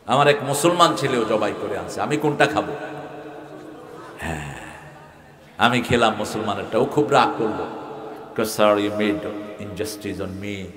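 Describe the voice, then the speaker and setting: Fiery preacher in an echoing hall. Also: male voice. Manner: swings between loud rising questions and low quiet asides, chants verses. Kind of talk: sermon. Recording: echoey hall with long reverb.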